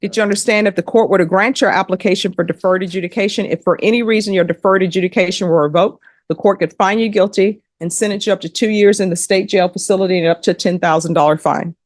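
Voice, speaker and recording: A woman judge in a courtroom, reading legal admonishments and sentences in a measured, formal way. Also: mid-range voice, fairly even intonation, no echo, studio quality.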